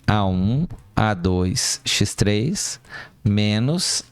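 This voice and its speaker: A man's voice: lowish voice, lively intonation, very slow, clear, resonant tone, no room sound. A man teaching mathematics, walking through a calculation step by step, asking himself questions and correcting small slips as he goes. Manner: talks students through each step, asking and answering himself. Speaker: math professor. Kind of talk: lecture at a board.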